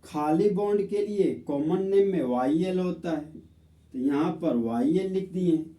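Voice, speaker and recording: A man teaching a chemistry lesson, explaining step by step in a slow, friendly way and often addressing students as friends. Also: high voice, dark tone. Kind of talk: classroom lesson. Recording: echoey room, voice from far off.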